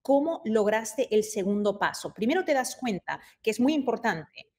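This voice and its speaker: A woman's voice: on the high side, very animated, moderate pace, a little mellow. A woman podcast host interviewing a guest, asking probing follow-up questions one after another.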